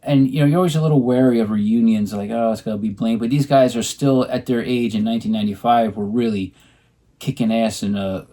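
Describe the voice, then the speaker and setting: A man's voice: medium pitch, a little fast, dark tone. A man co-hosting at home, chatting casually about records he bought, rambling with many ums and restarts. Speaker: co-host showing his record purchases. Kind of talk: casual chat.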